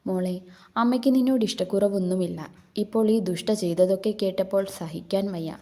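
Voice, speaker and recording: A woman reading an emotional older mother in an audio story, motherly and heartfelt. Her tone is mellow and soft. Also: medium pitch, a little fast, close to an everyday voice. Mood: tender. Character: older mother, fierce to wrongdoers, tender to family.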